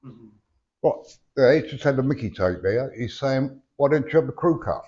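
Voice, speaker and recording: Speaking at a medium pitch with a darkish tone, this man delivers an expressive, chatty, blunt reading at normal speed as a medium. Having no teeth leaves his words slightly slurred, and he keeps checking in with "yeah?" before a sitter at a live event, captured in a dull, lo-fi live recording.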